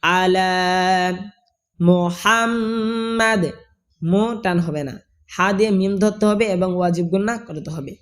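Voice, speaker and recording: A man with a Bangladeshi Bengali accent teaching correct recitation, explaining each sound and then chanting the phrase slowly and drawn out. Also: sits high.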